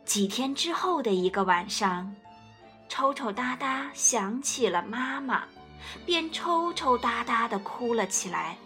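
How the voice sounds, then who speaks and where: A woman reading a picture book aloud as a storyteller, gentle and expressive. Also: on the high side, measured pace, faint music behind.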